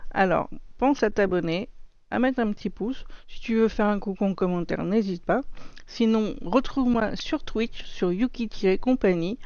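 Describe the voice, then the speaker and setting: A woman's voice: mid-range voice, moderate pace, a little mellow, dry recording. A woman chatting casually on a gaming live stream, playful and given to exclamations. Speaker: game streamer. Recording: dull, dry close recording.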